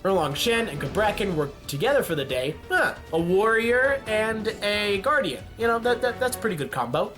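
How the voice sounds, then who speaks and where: A man giving casual, jokey commentary on a game simulation, often yelling at events and laughing. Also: sits high, sing-song, normal speed, few pauses, music in the background. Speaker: YouTube gaming commentator.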